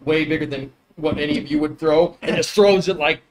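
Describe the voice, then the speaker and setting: A woman's voice: deep voice, steady tone, a little fast, poor audio. A woman running a tabletop game as game master, improvising narration and often correcting herself. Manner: hesitant, self-correcting.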